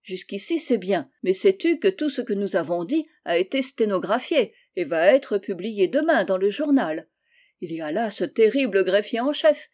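A woman reading a fairy tale aloud and voicing a haughty, mocking young princess who scorns her suitors with shrill, loud outbursts. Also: lightly acted.

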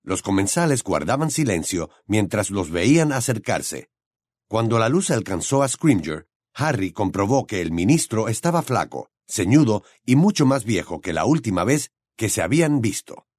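A man narrating an audiobook in an expressive, storytelling way on a close studio mic. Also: fairly low pitch, normal speed, no echo. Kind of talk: scripted narration.

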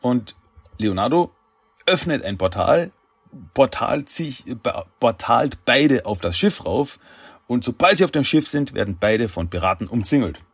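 A man's voice: medium pitch, big pitch swings, measured pace, breathy edge, dry recording. A man hosting a podcast, casually retelling a cartoon episode and briefly acting out the characters' lines. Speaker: podcast host.

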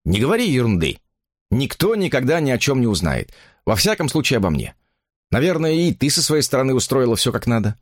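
A man's voice: medium pitch, very animated, fairly quick, no room sound, clean studio sound. A man voicing an impatient, vain man in an audiobook, brusque and dismissive.

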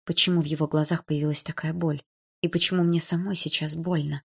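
A woman narrating a novel in the first person with calm, even reading. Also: sits low, a little fast, vocal fry, slightly rough. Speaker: audiobook narrator.

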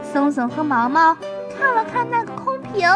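Woman storyteller for kids, very high and bright, slow lilting pace, faint music behind. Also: big pitch swings. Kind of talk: children's story narration.

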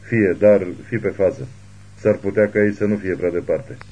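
A man's voice: low-pitched, warm tone, slightly rough, rough recording. A man voicing a wounded, terse male detective. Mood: weak, terse. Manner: terse, weak, clipped replies. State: weak from a wound.

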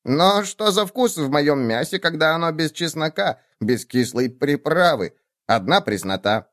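A man's voice: a little high, animated, a little slow, fairly bright tone, dry recording, studio quality, pitched above the performer's own voice. A man voicing a meek, clever young goat kid who speaks submissively. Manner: submissive, politely persuasive.

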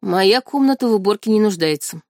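A woman's voice: mid-range voice, fairly quick, dry recording, studio quality, lightly acted. Woman reading as a cold, formal young knight. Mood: cool. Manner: calm, cool, formal. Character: young male royal knight, cold and composed. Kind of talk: audiobook reading.

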